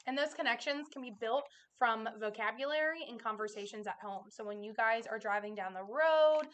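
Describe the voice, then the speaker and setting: Woman, kindergarten teacher, fairly high voice, informal presentation, conversational explaining. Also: a little fast, fairly bright tone.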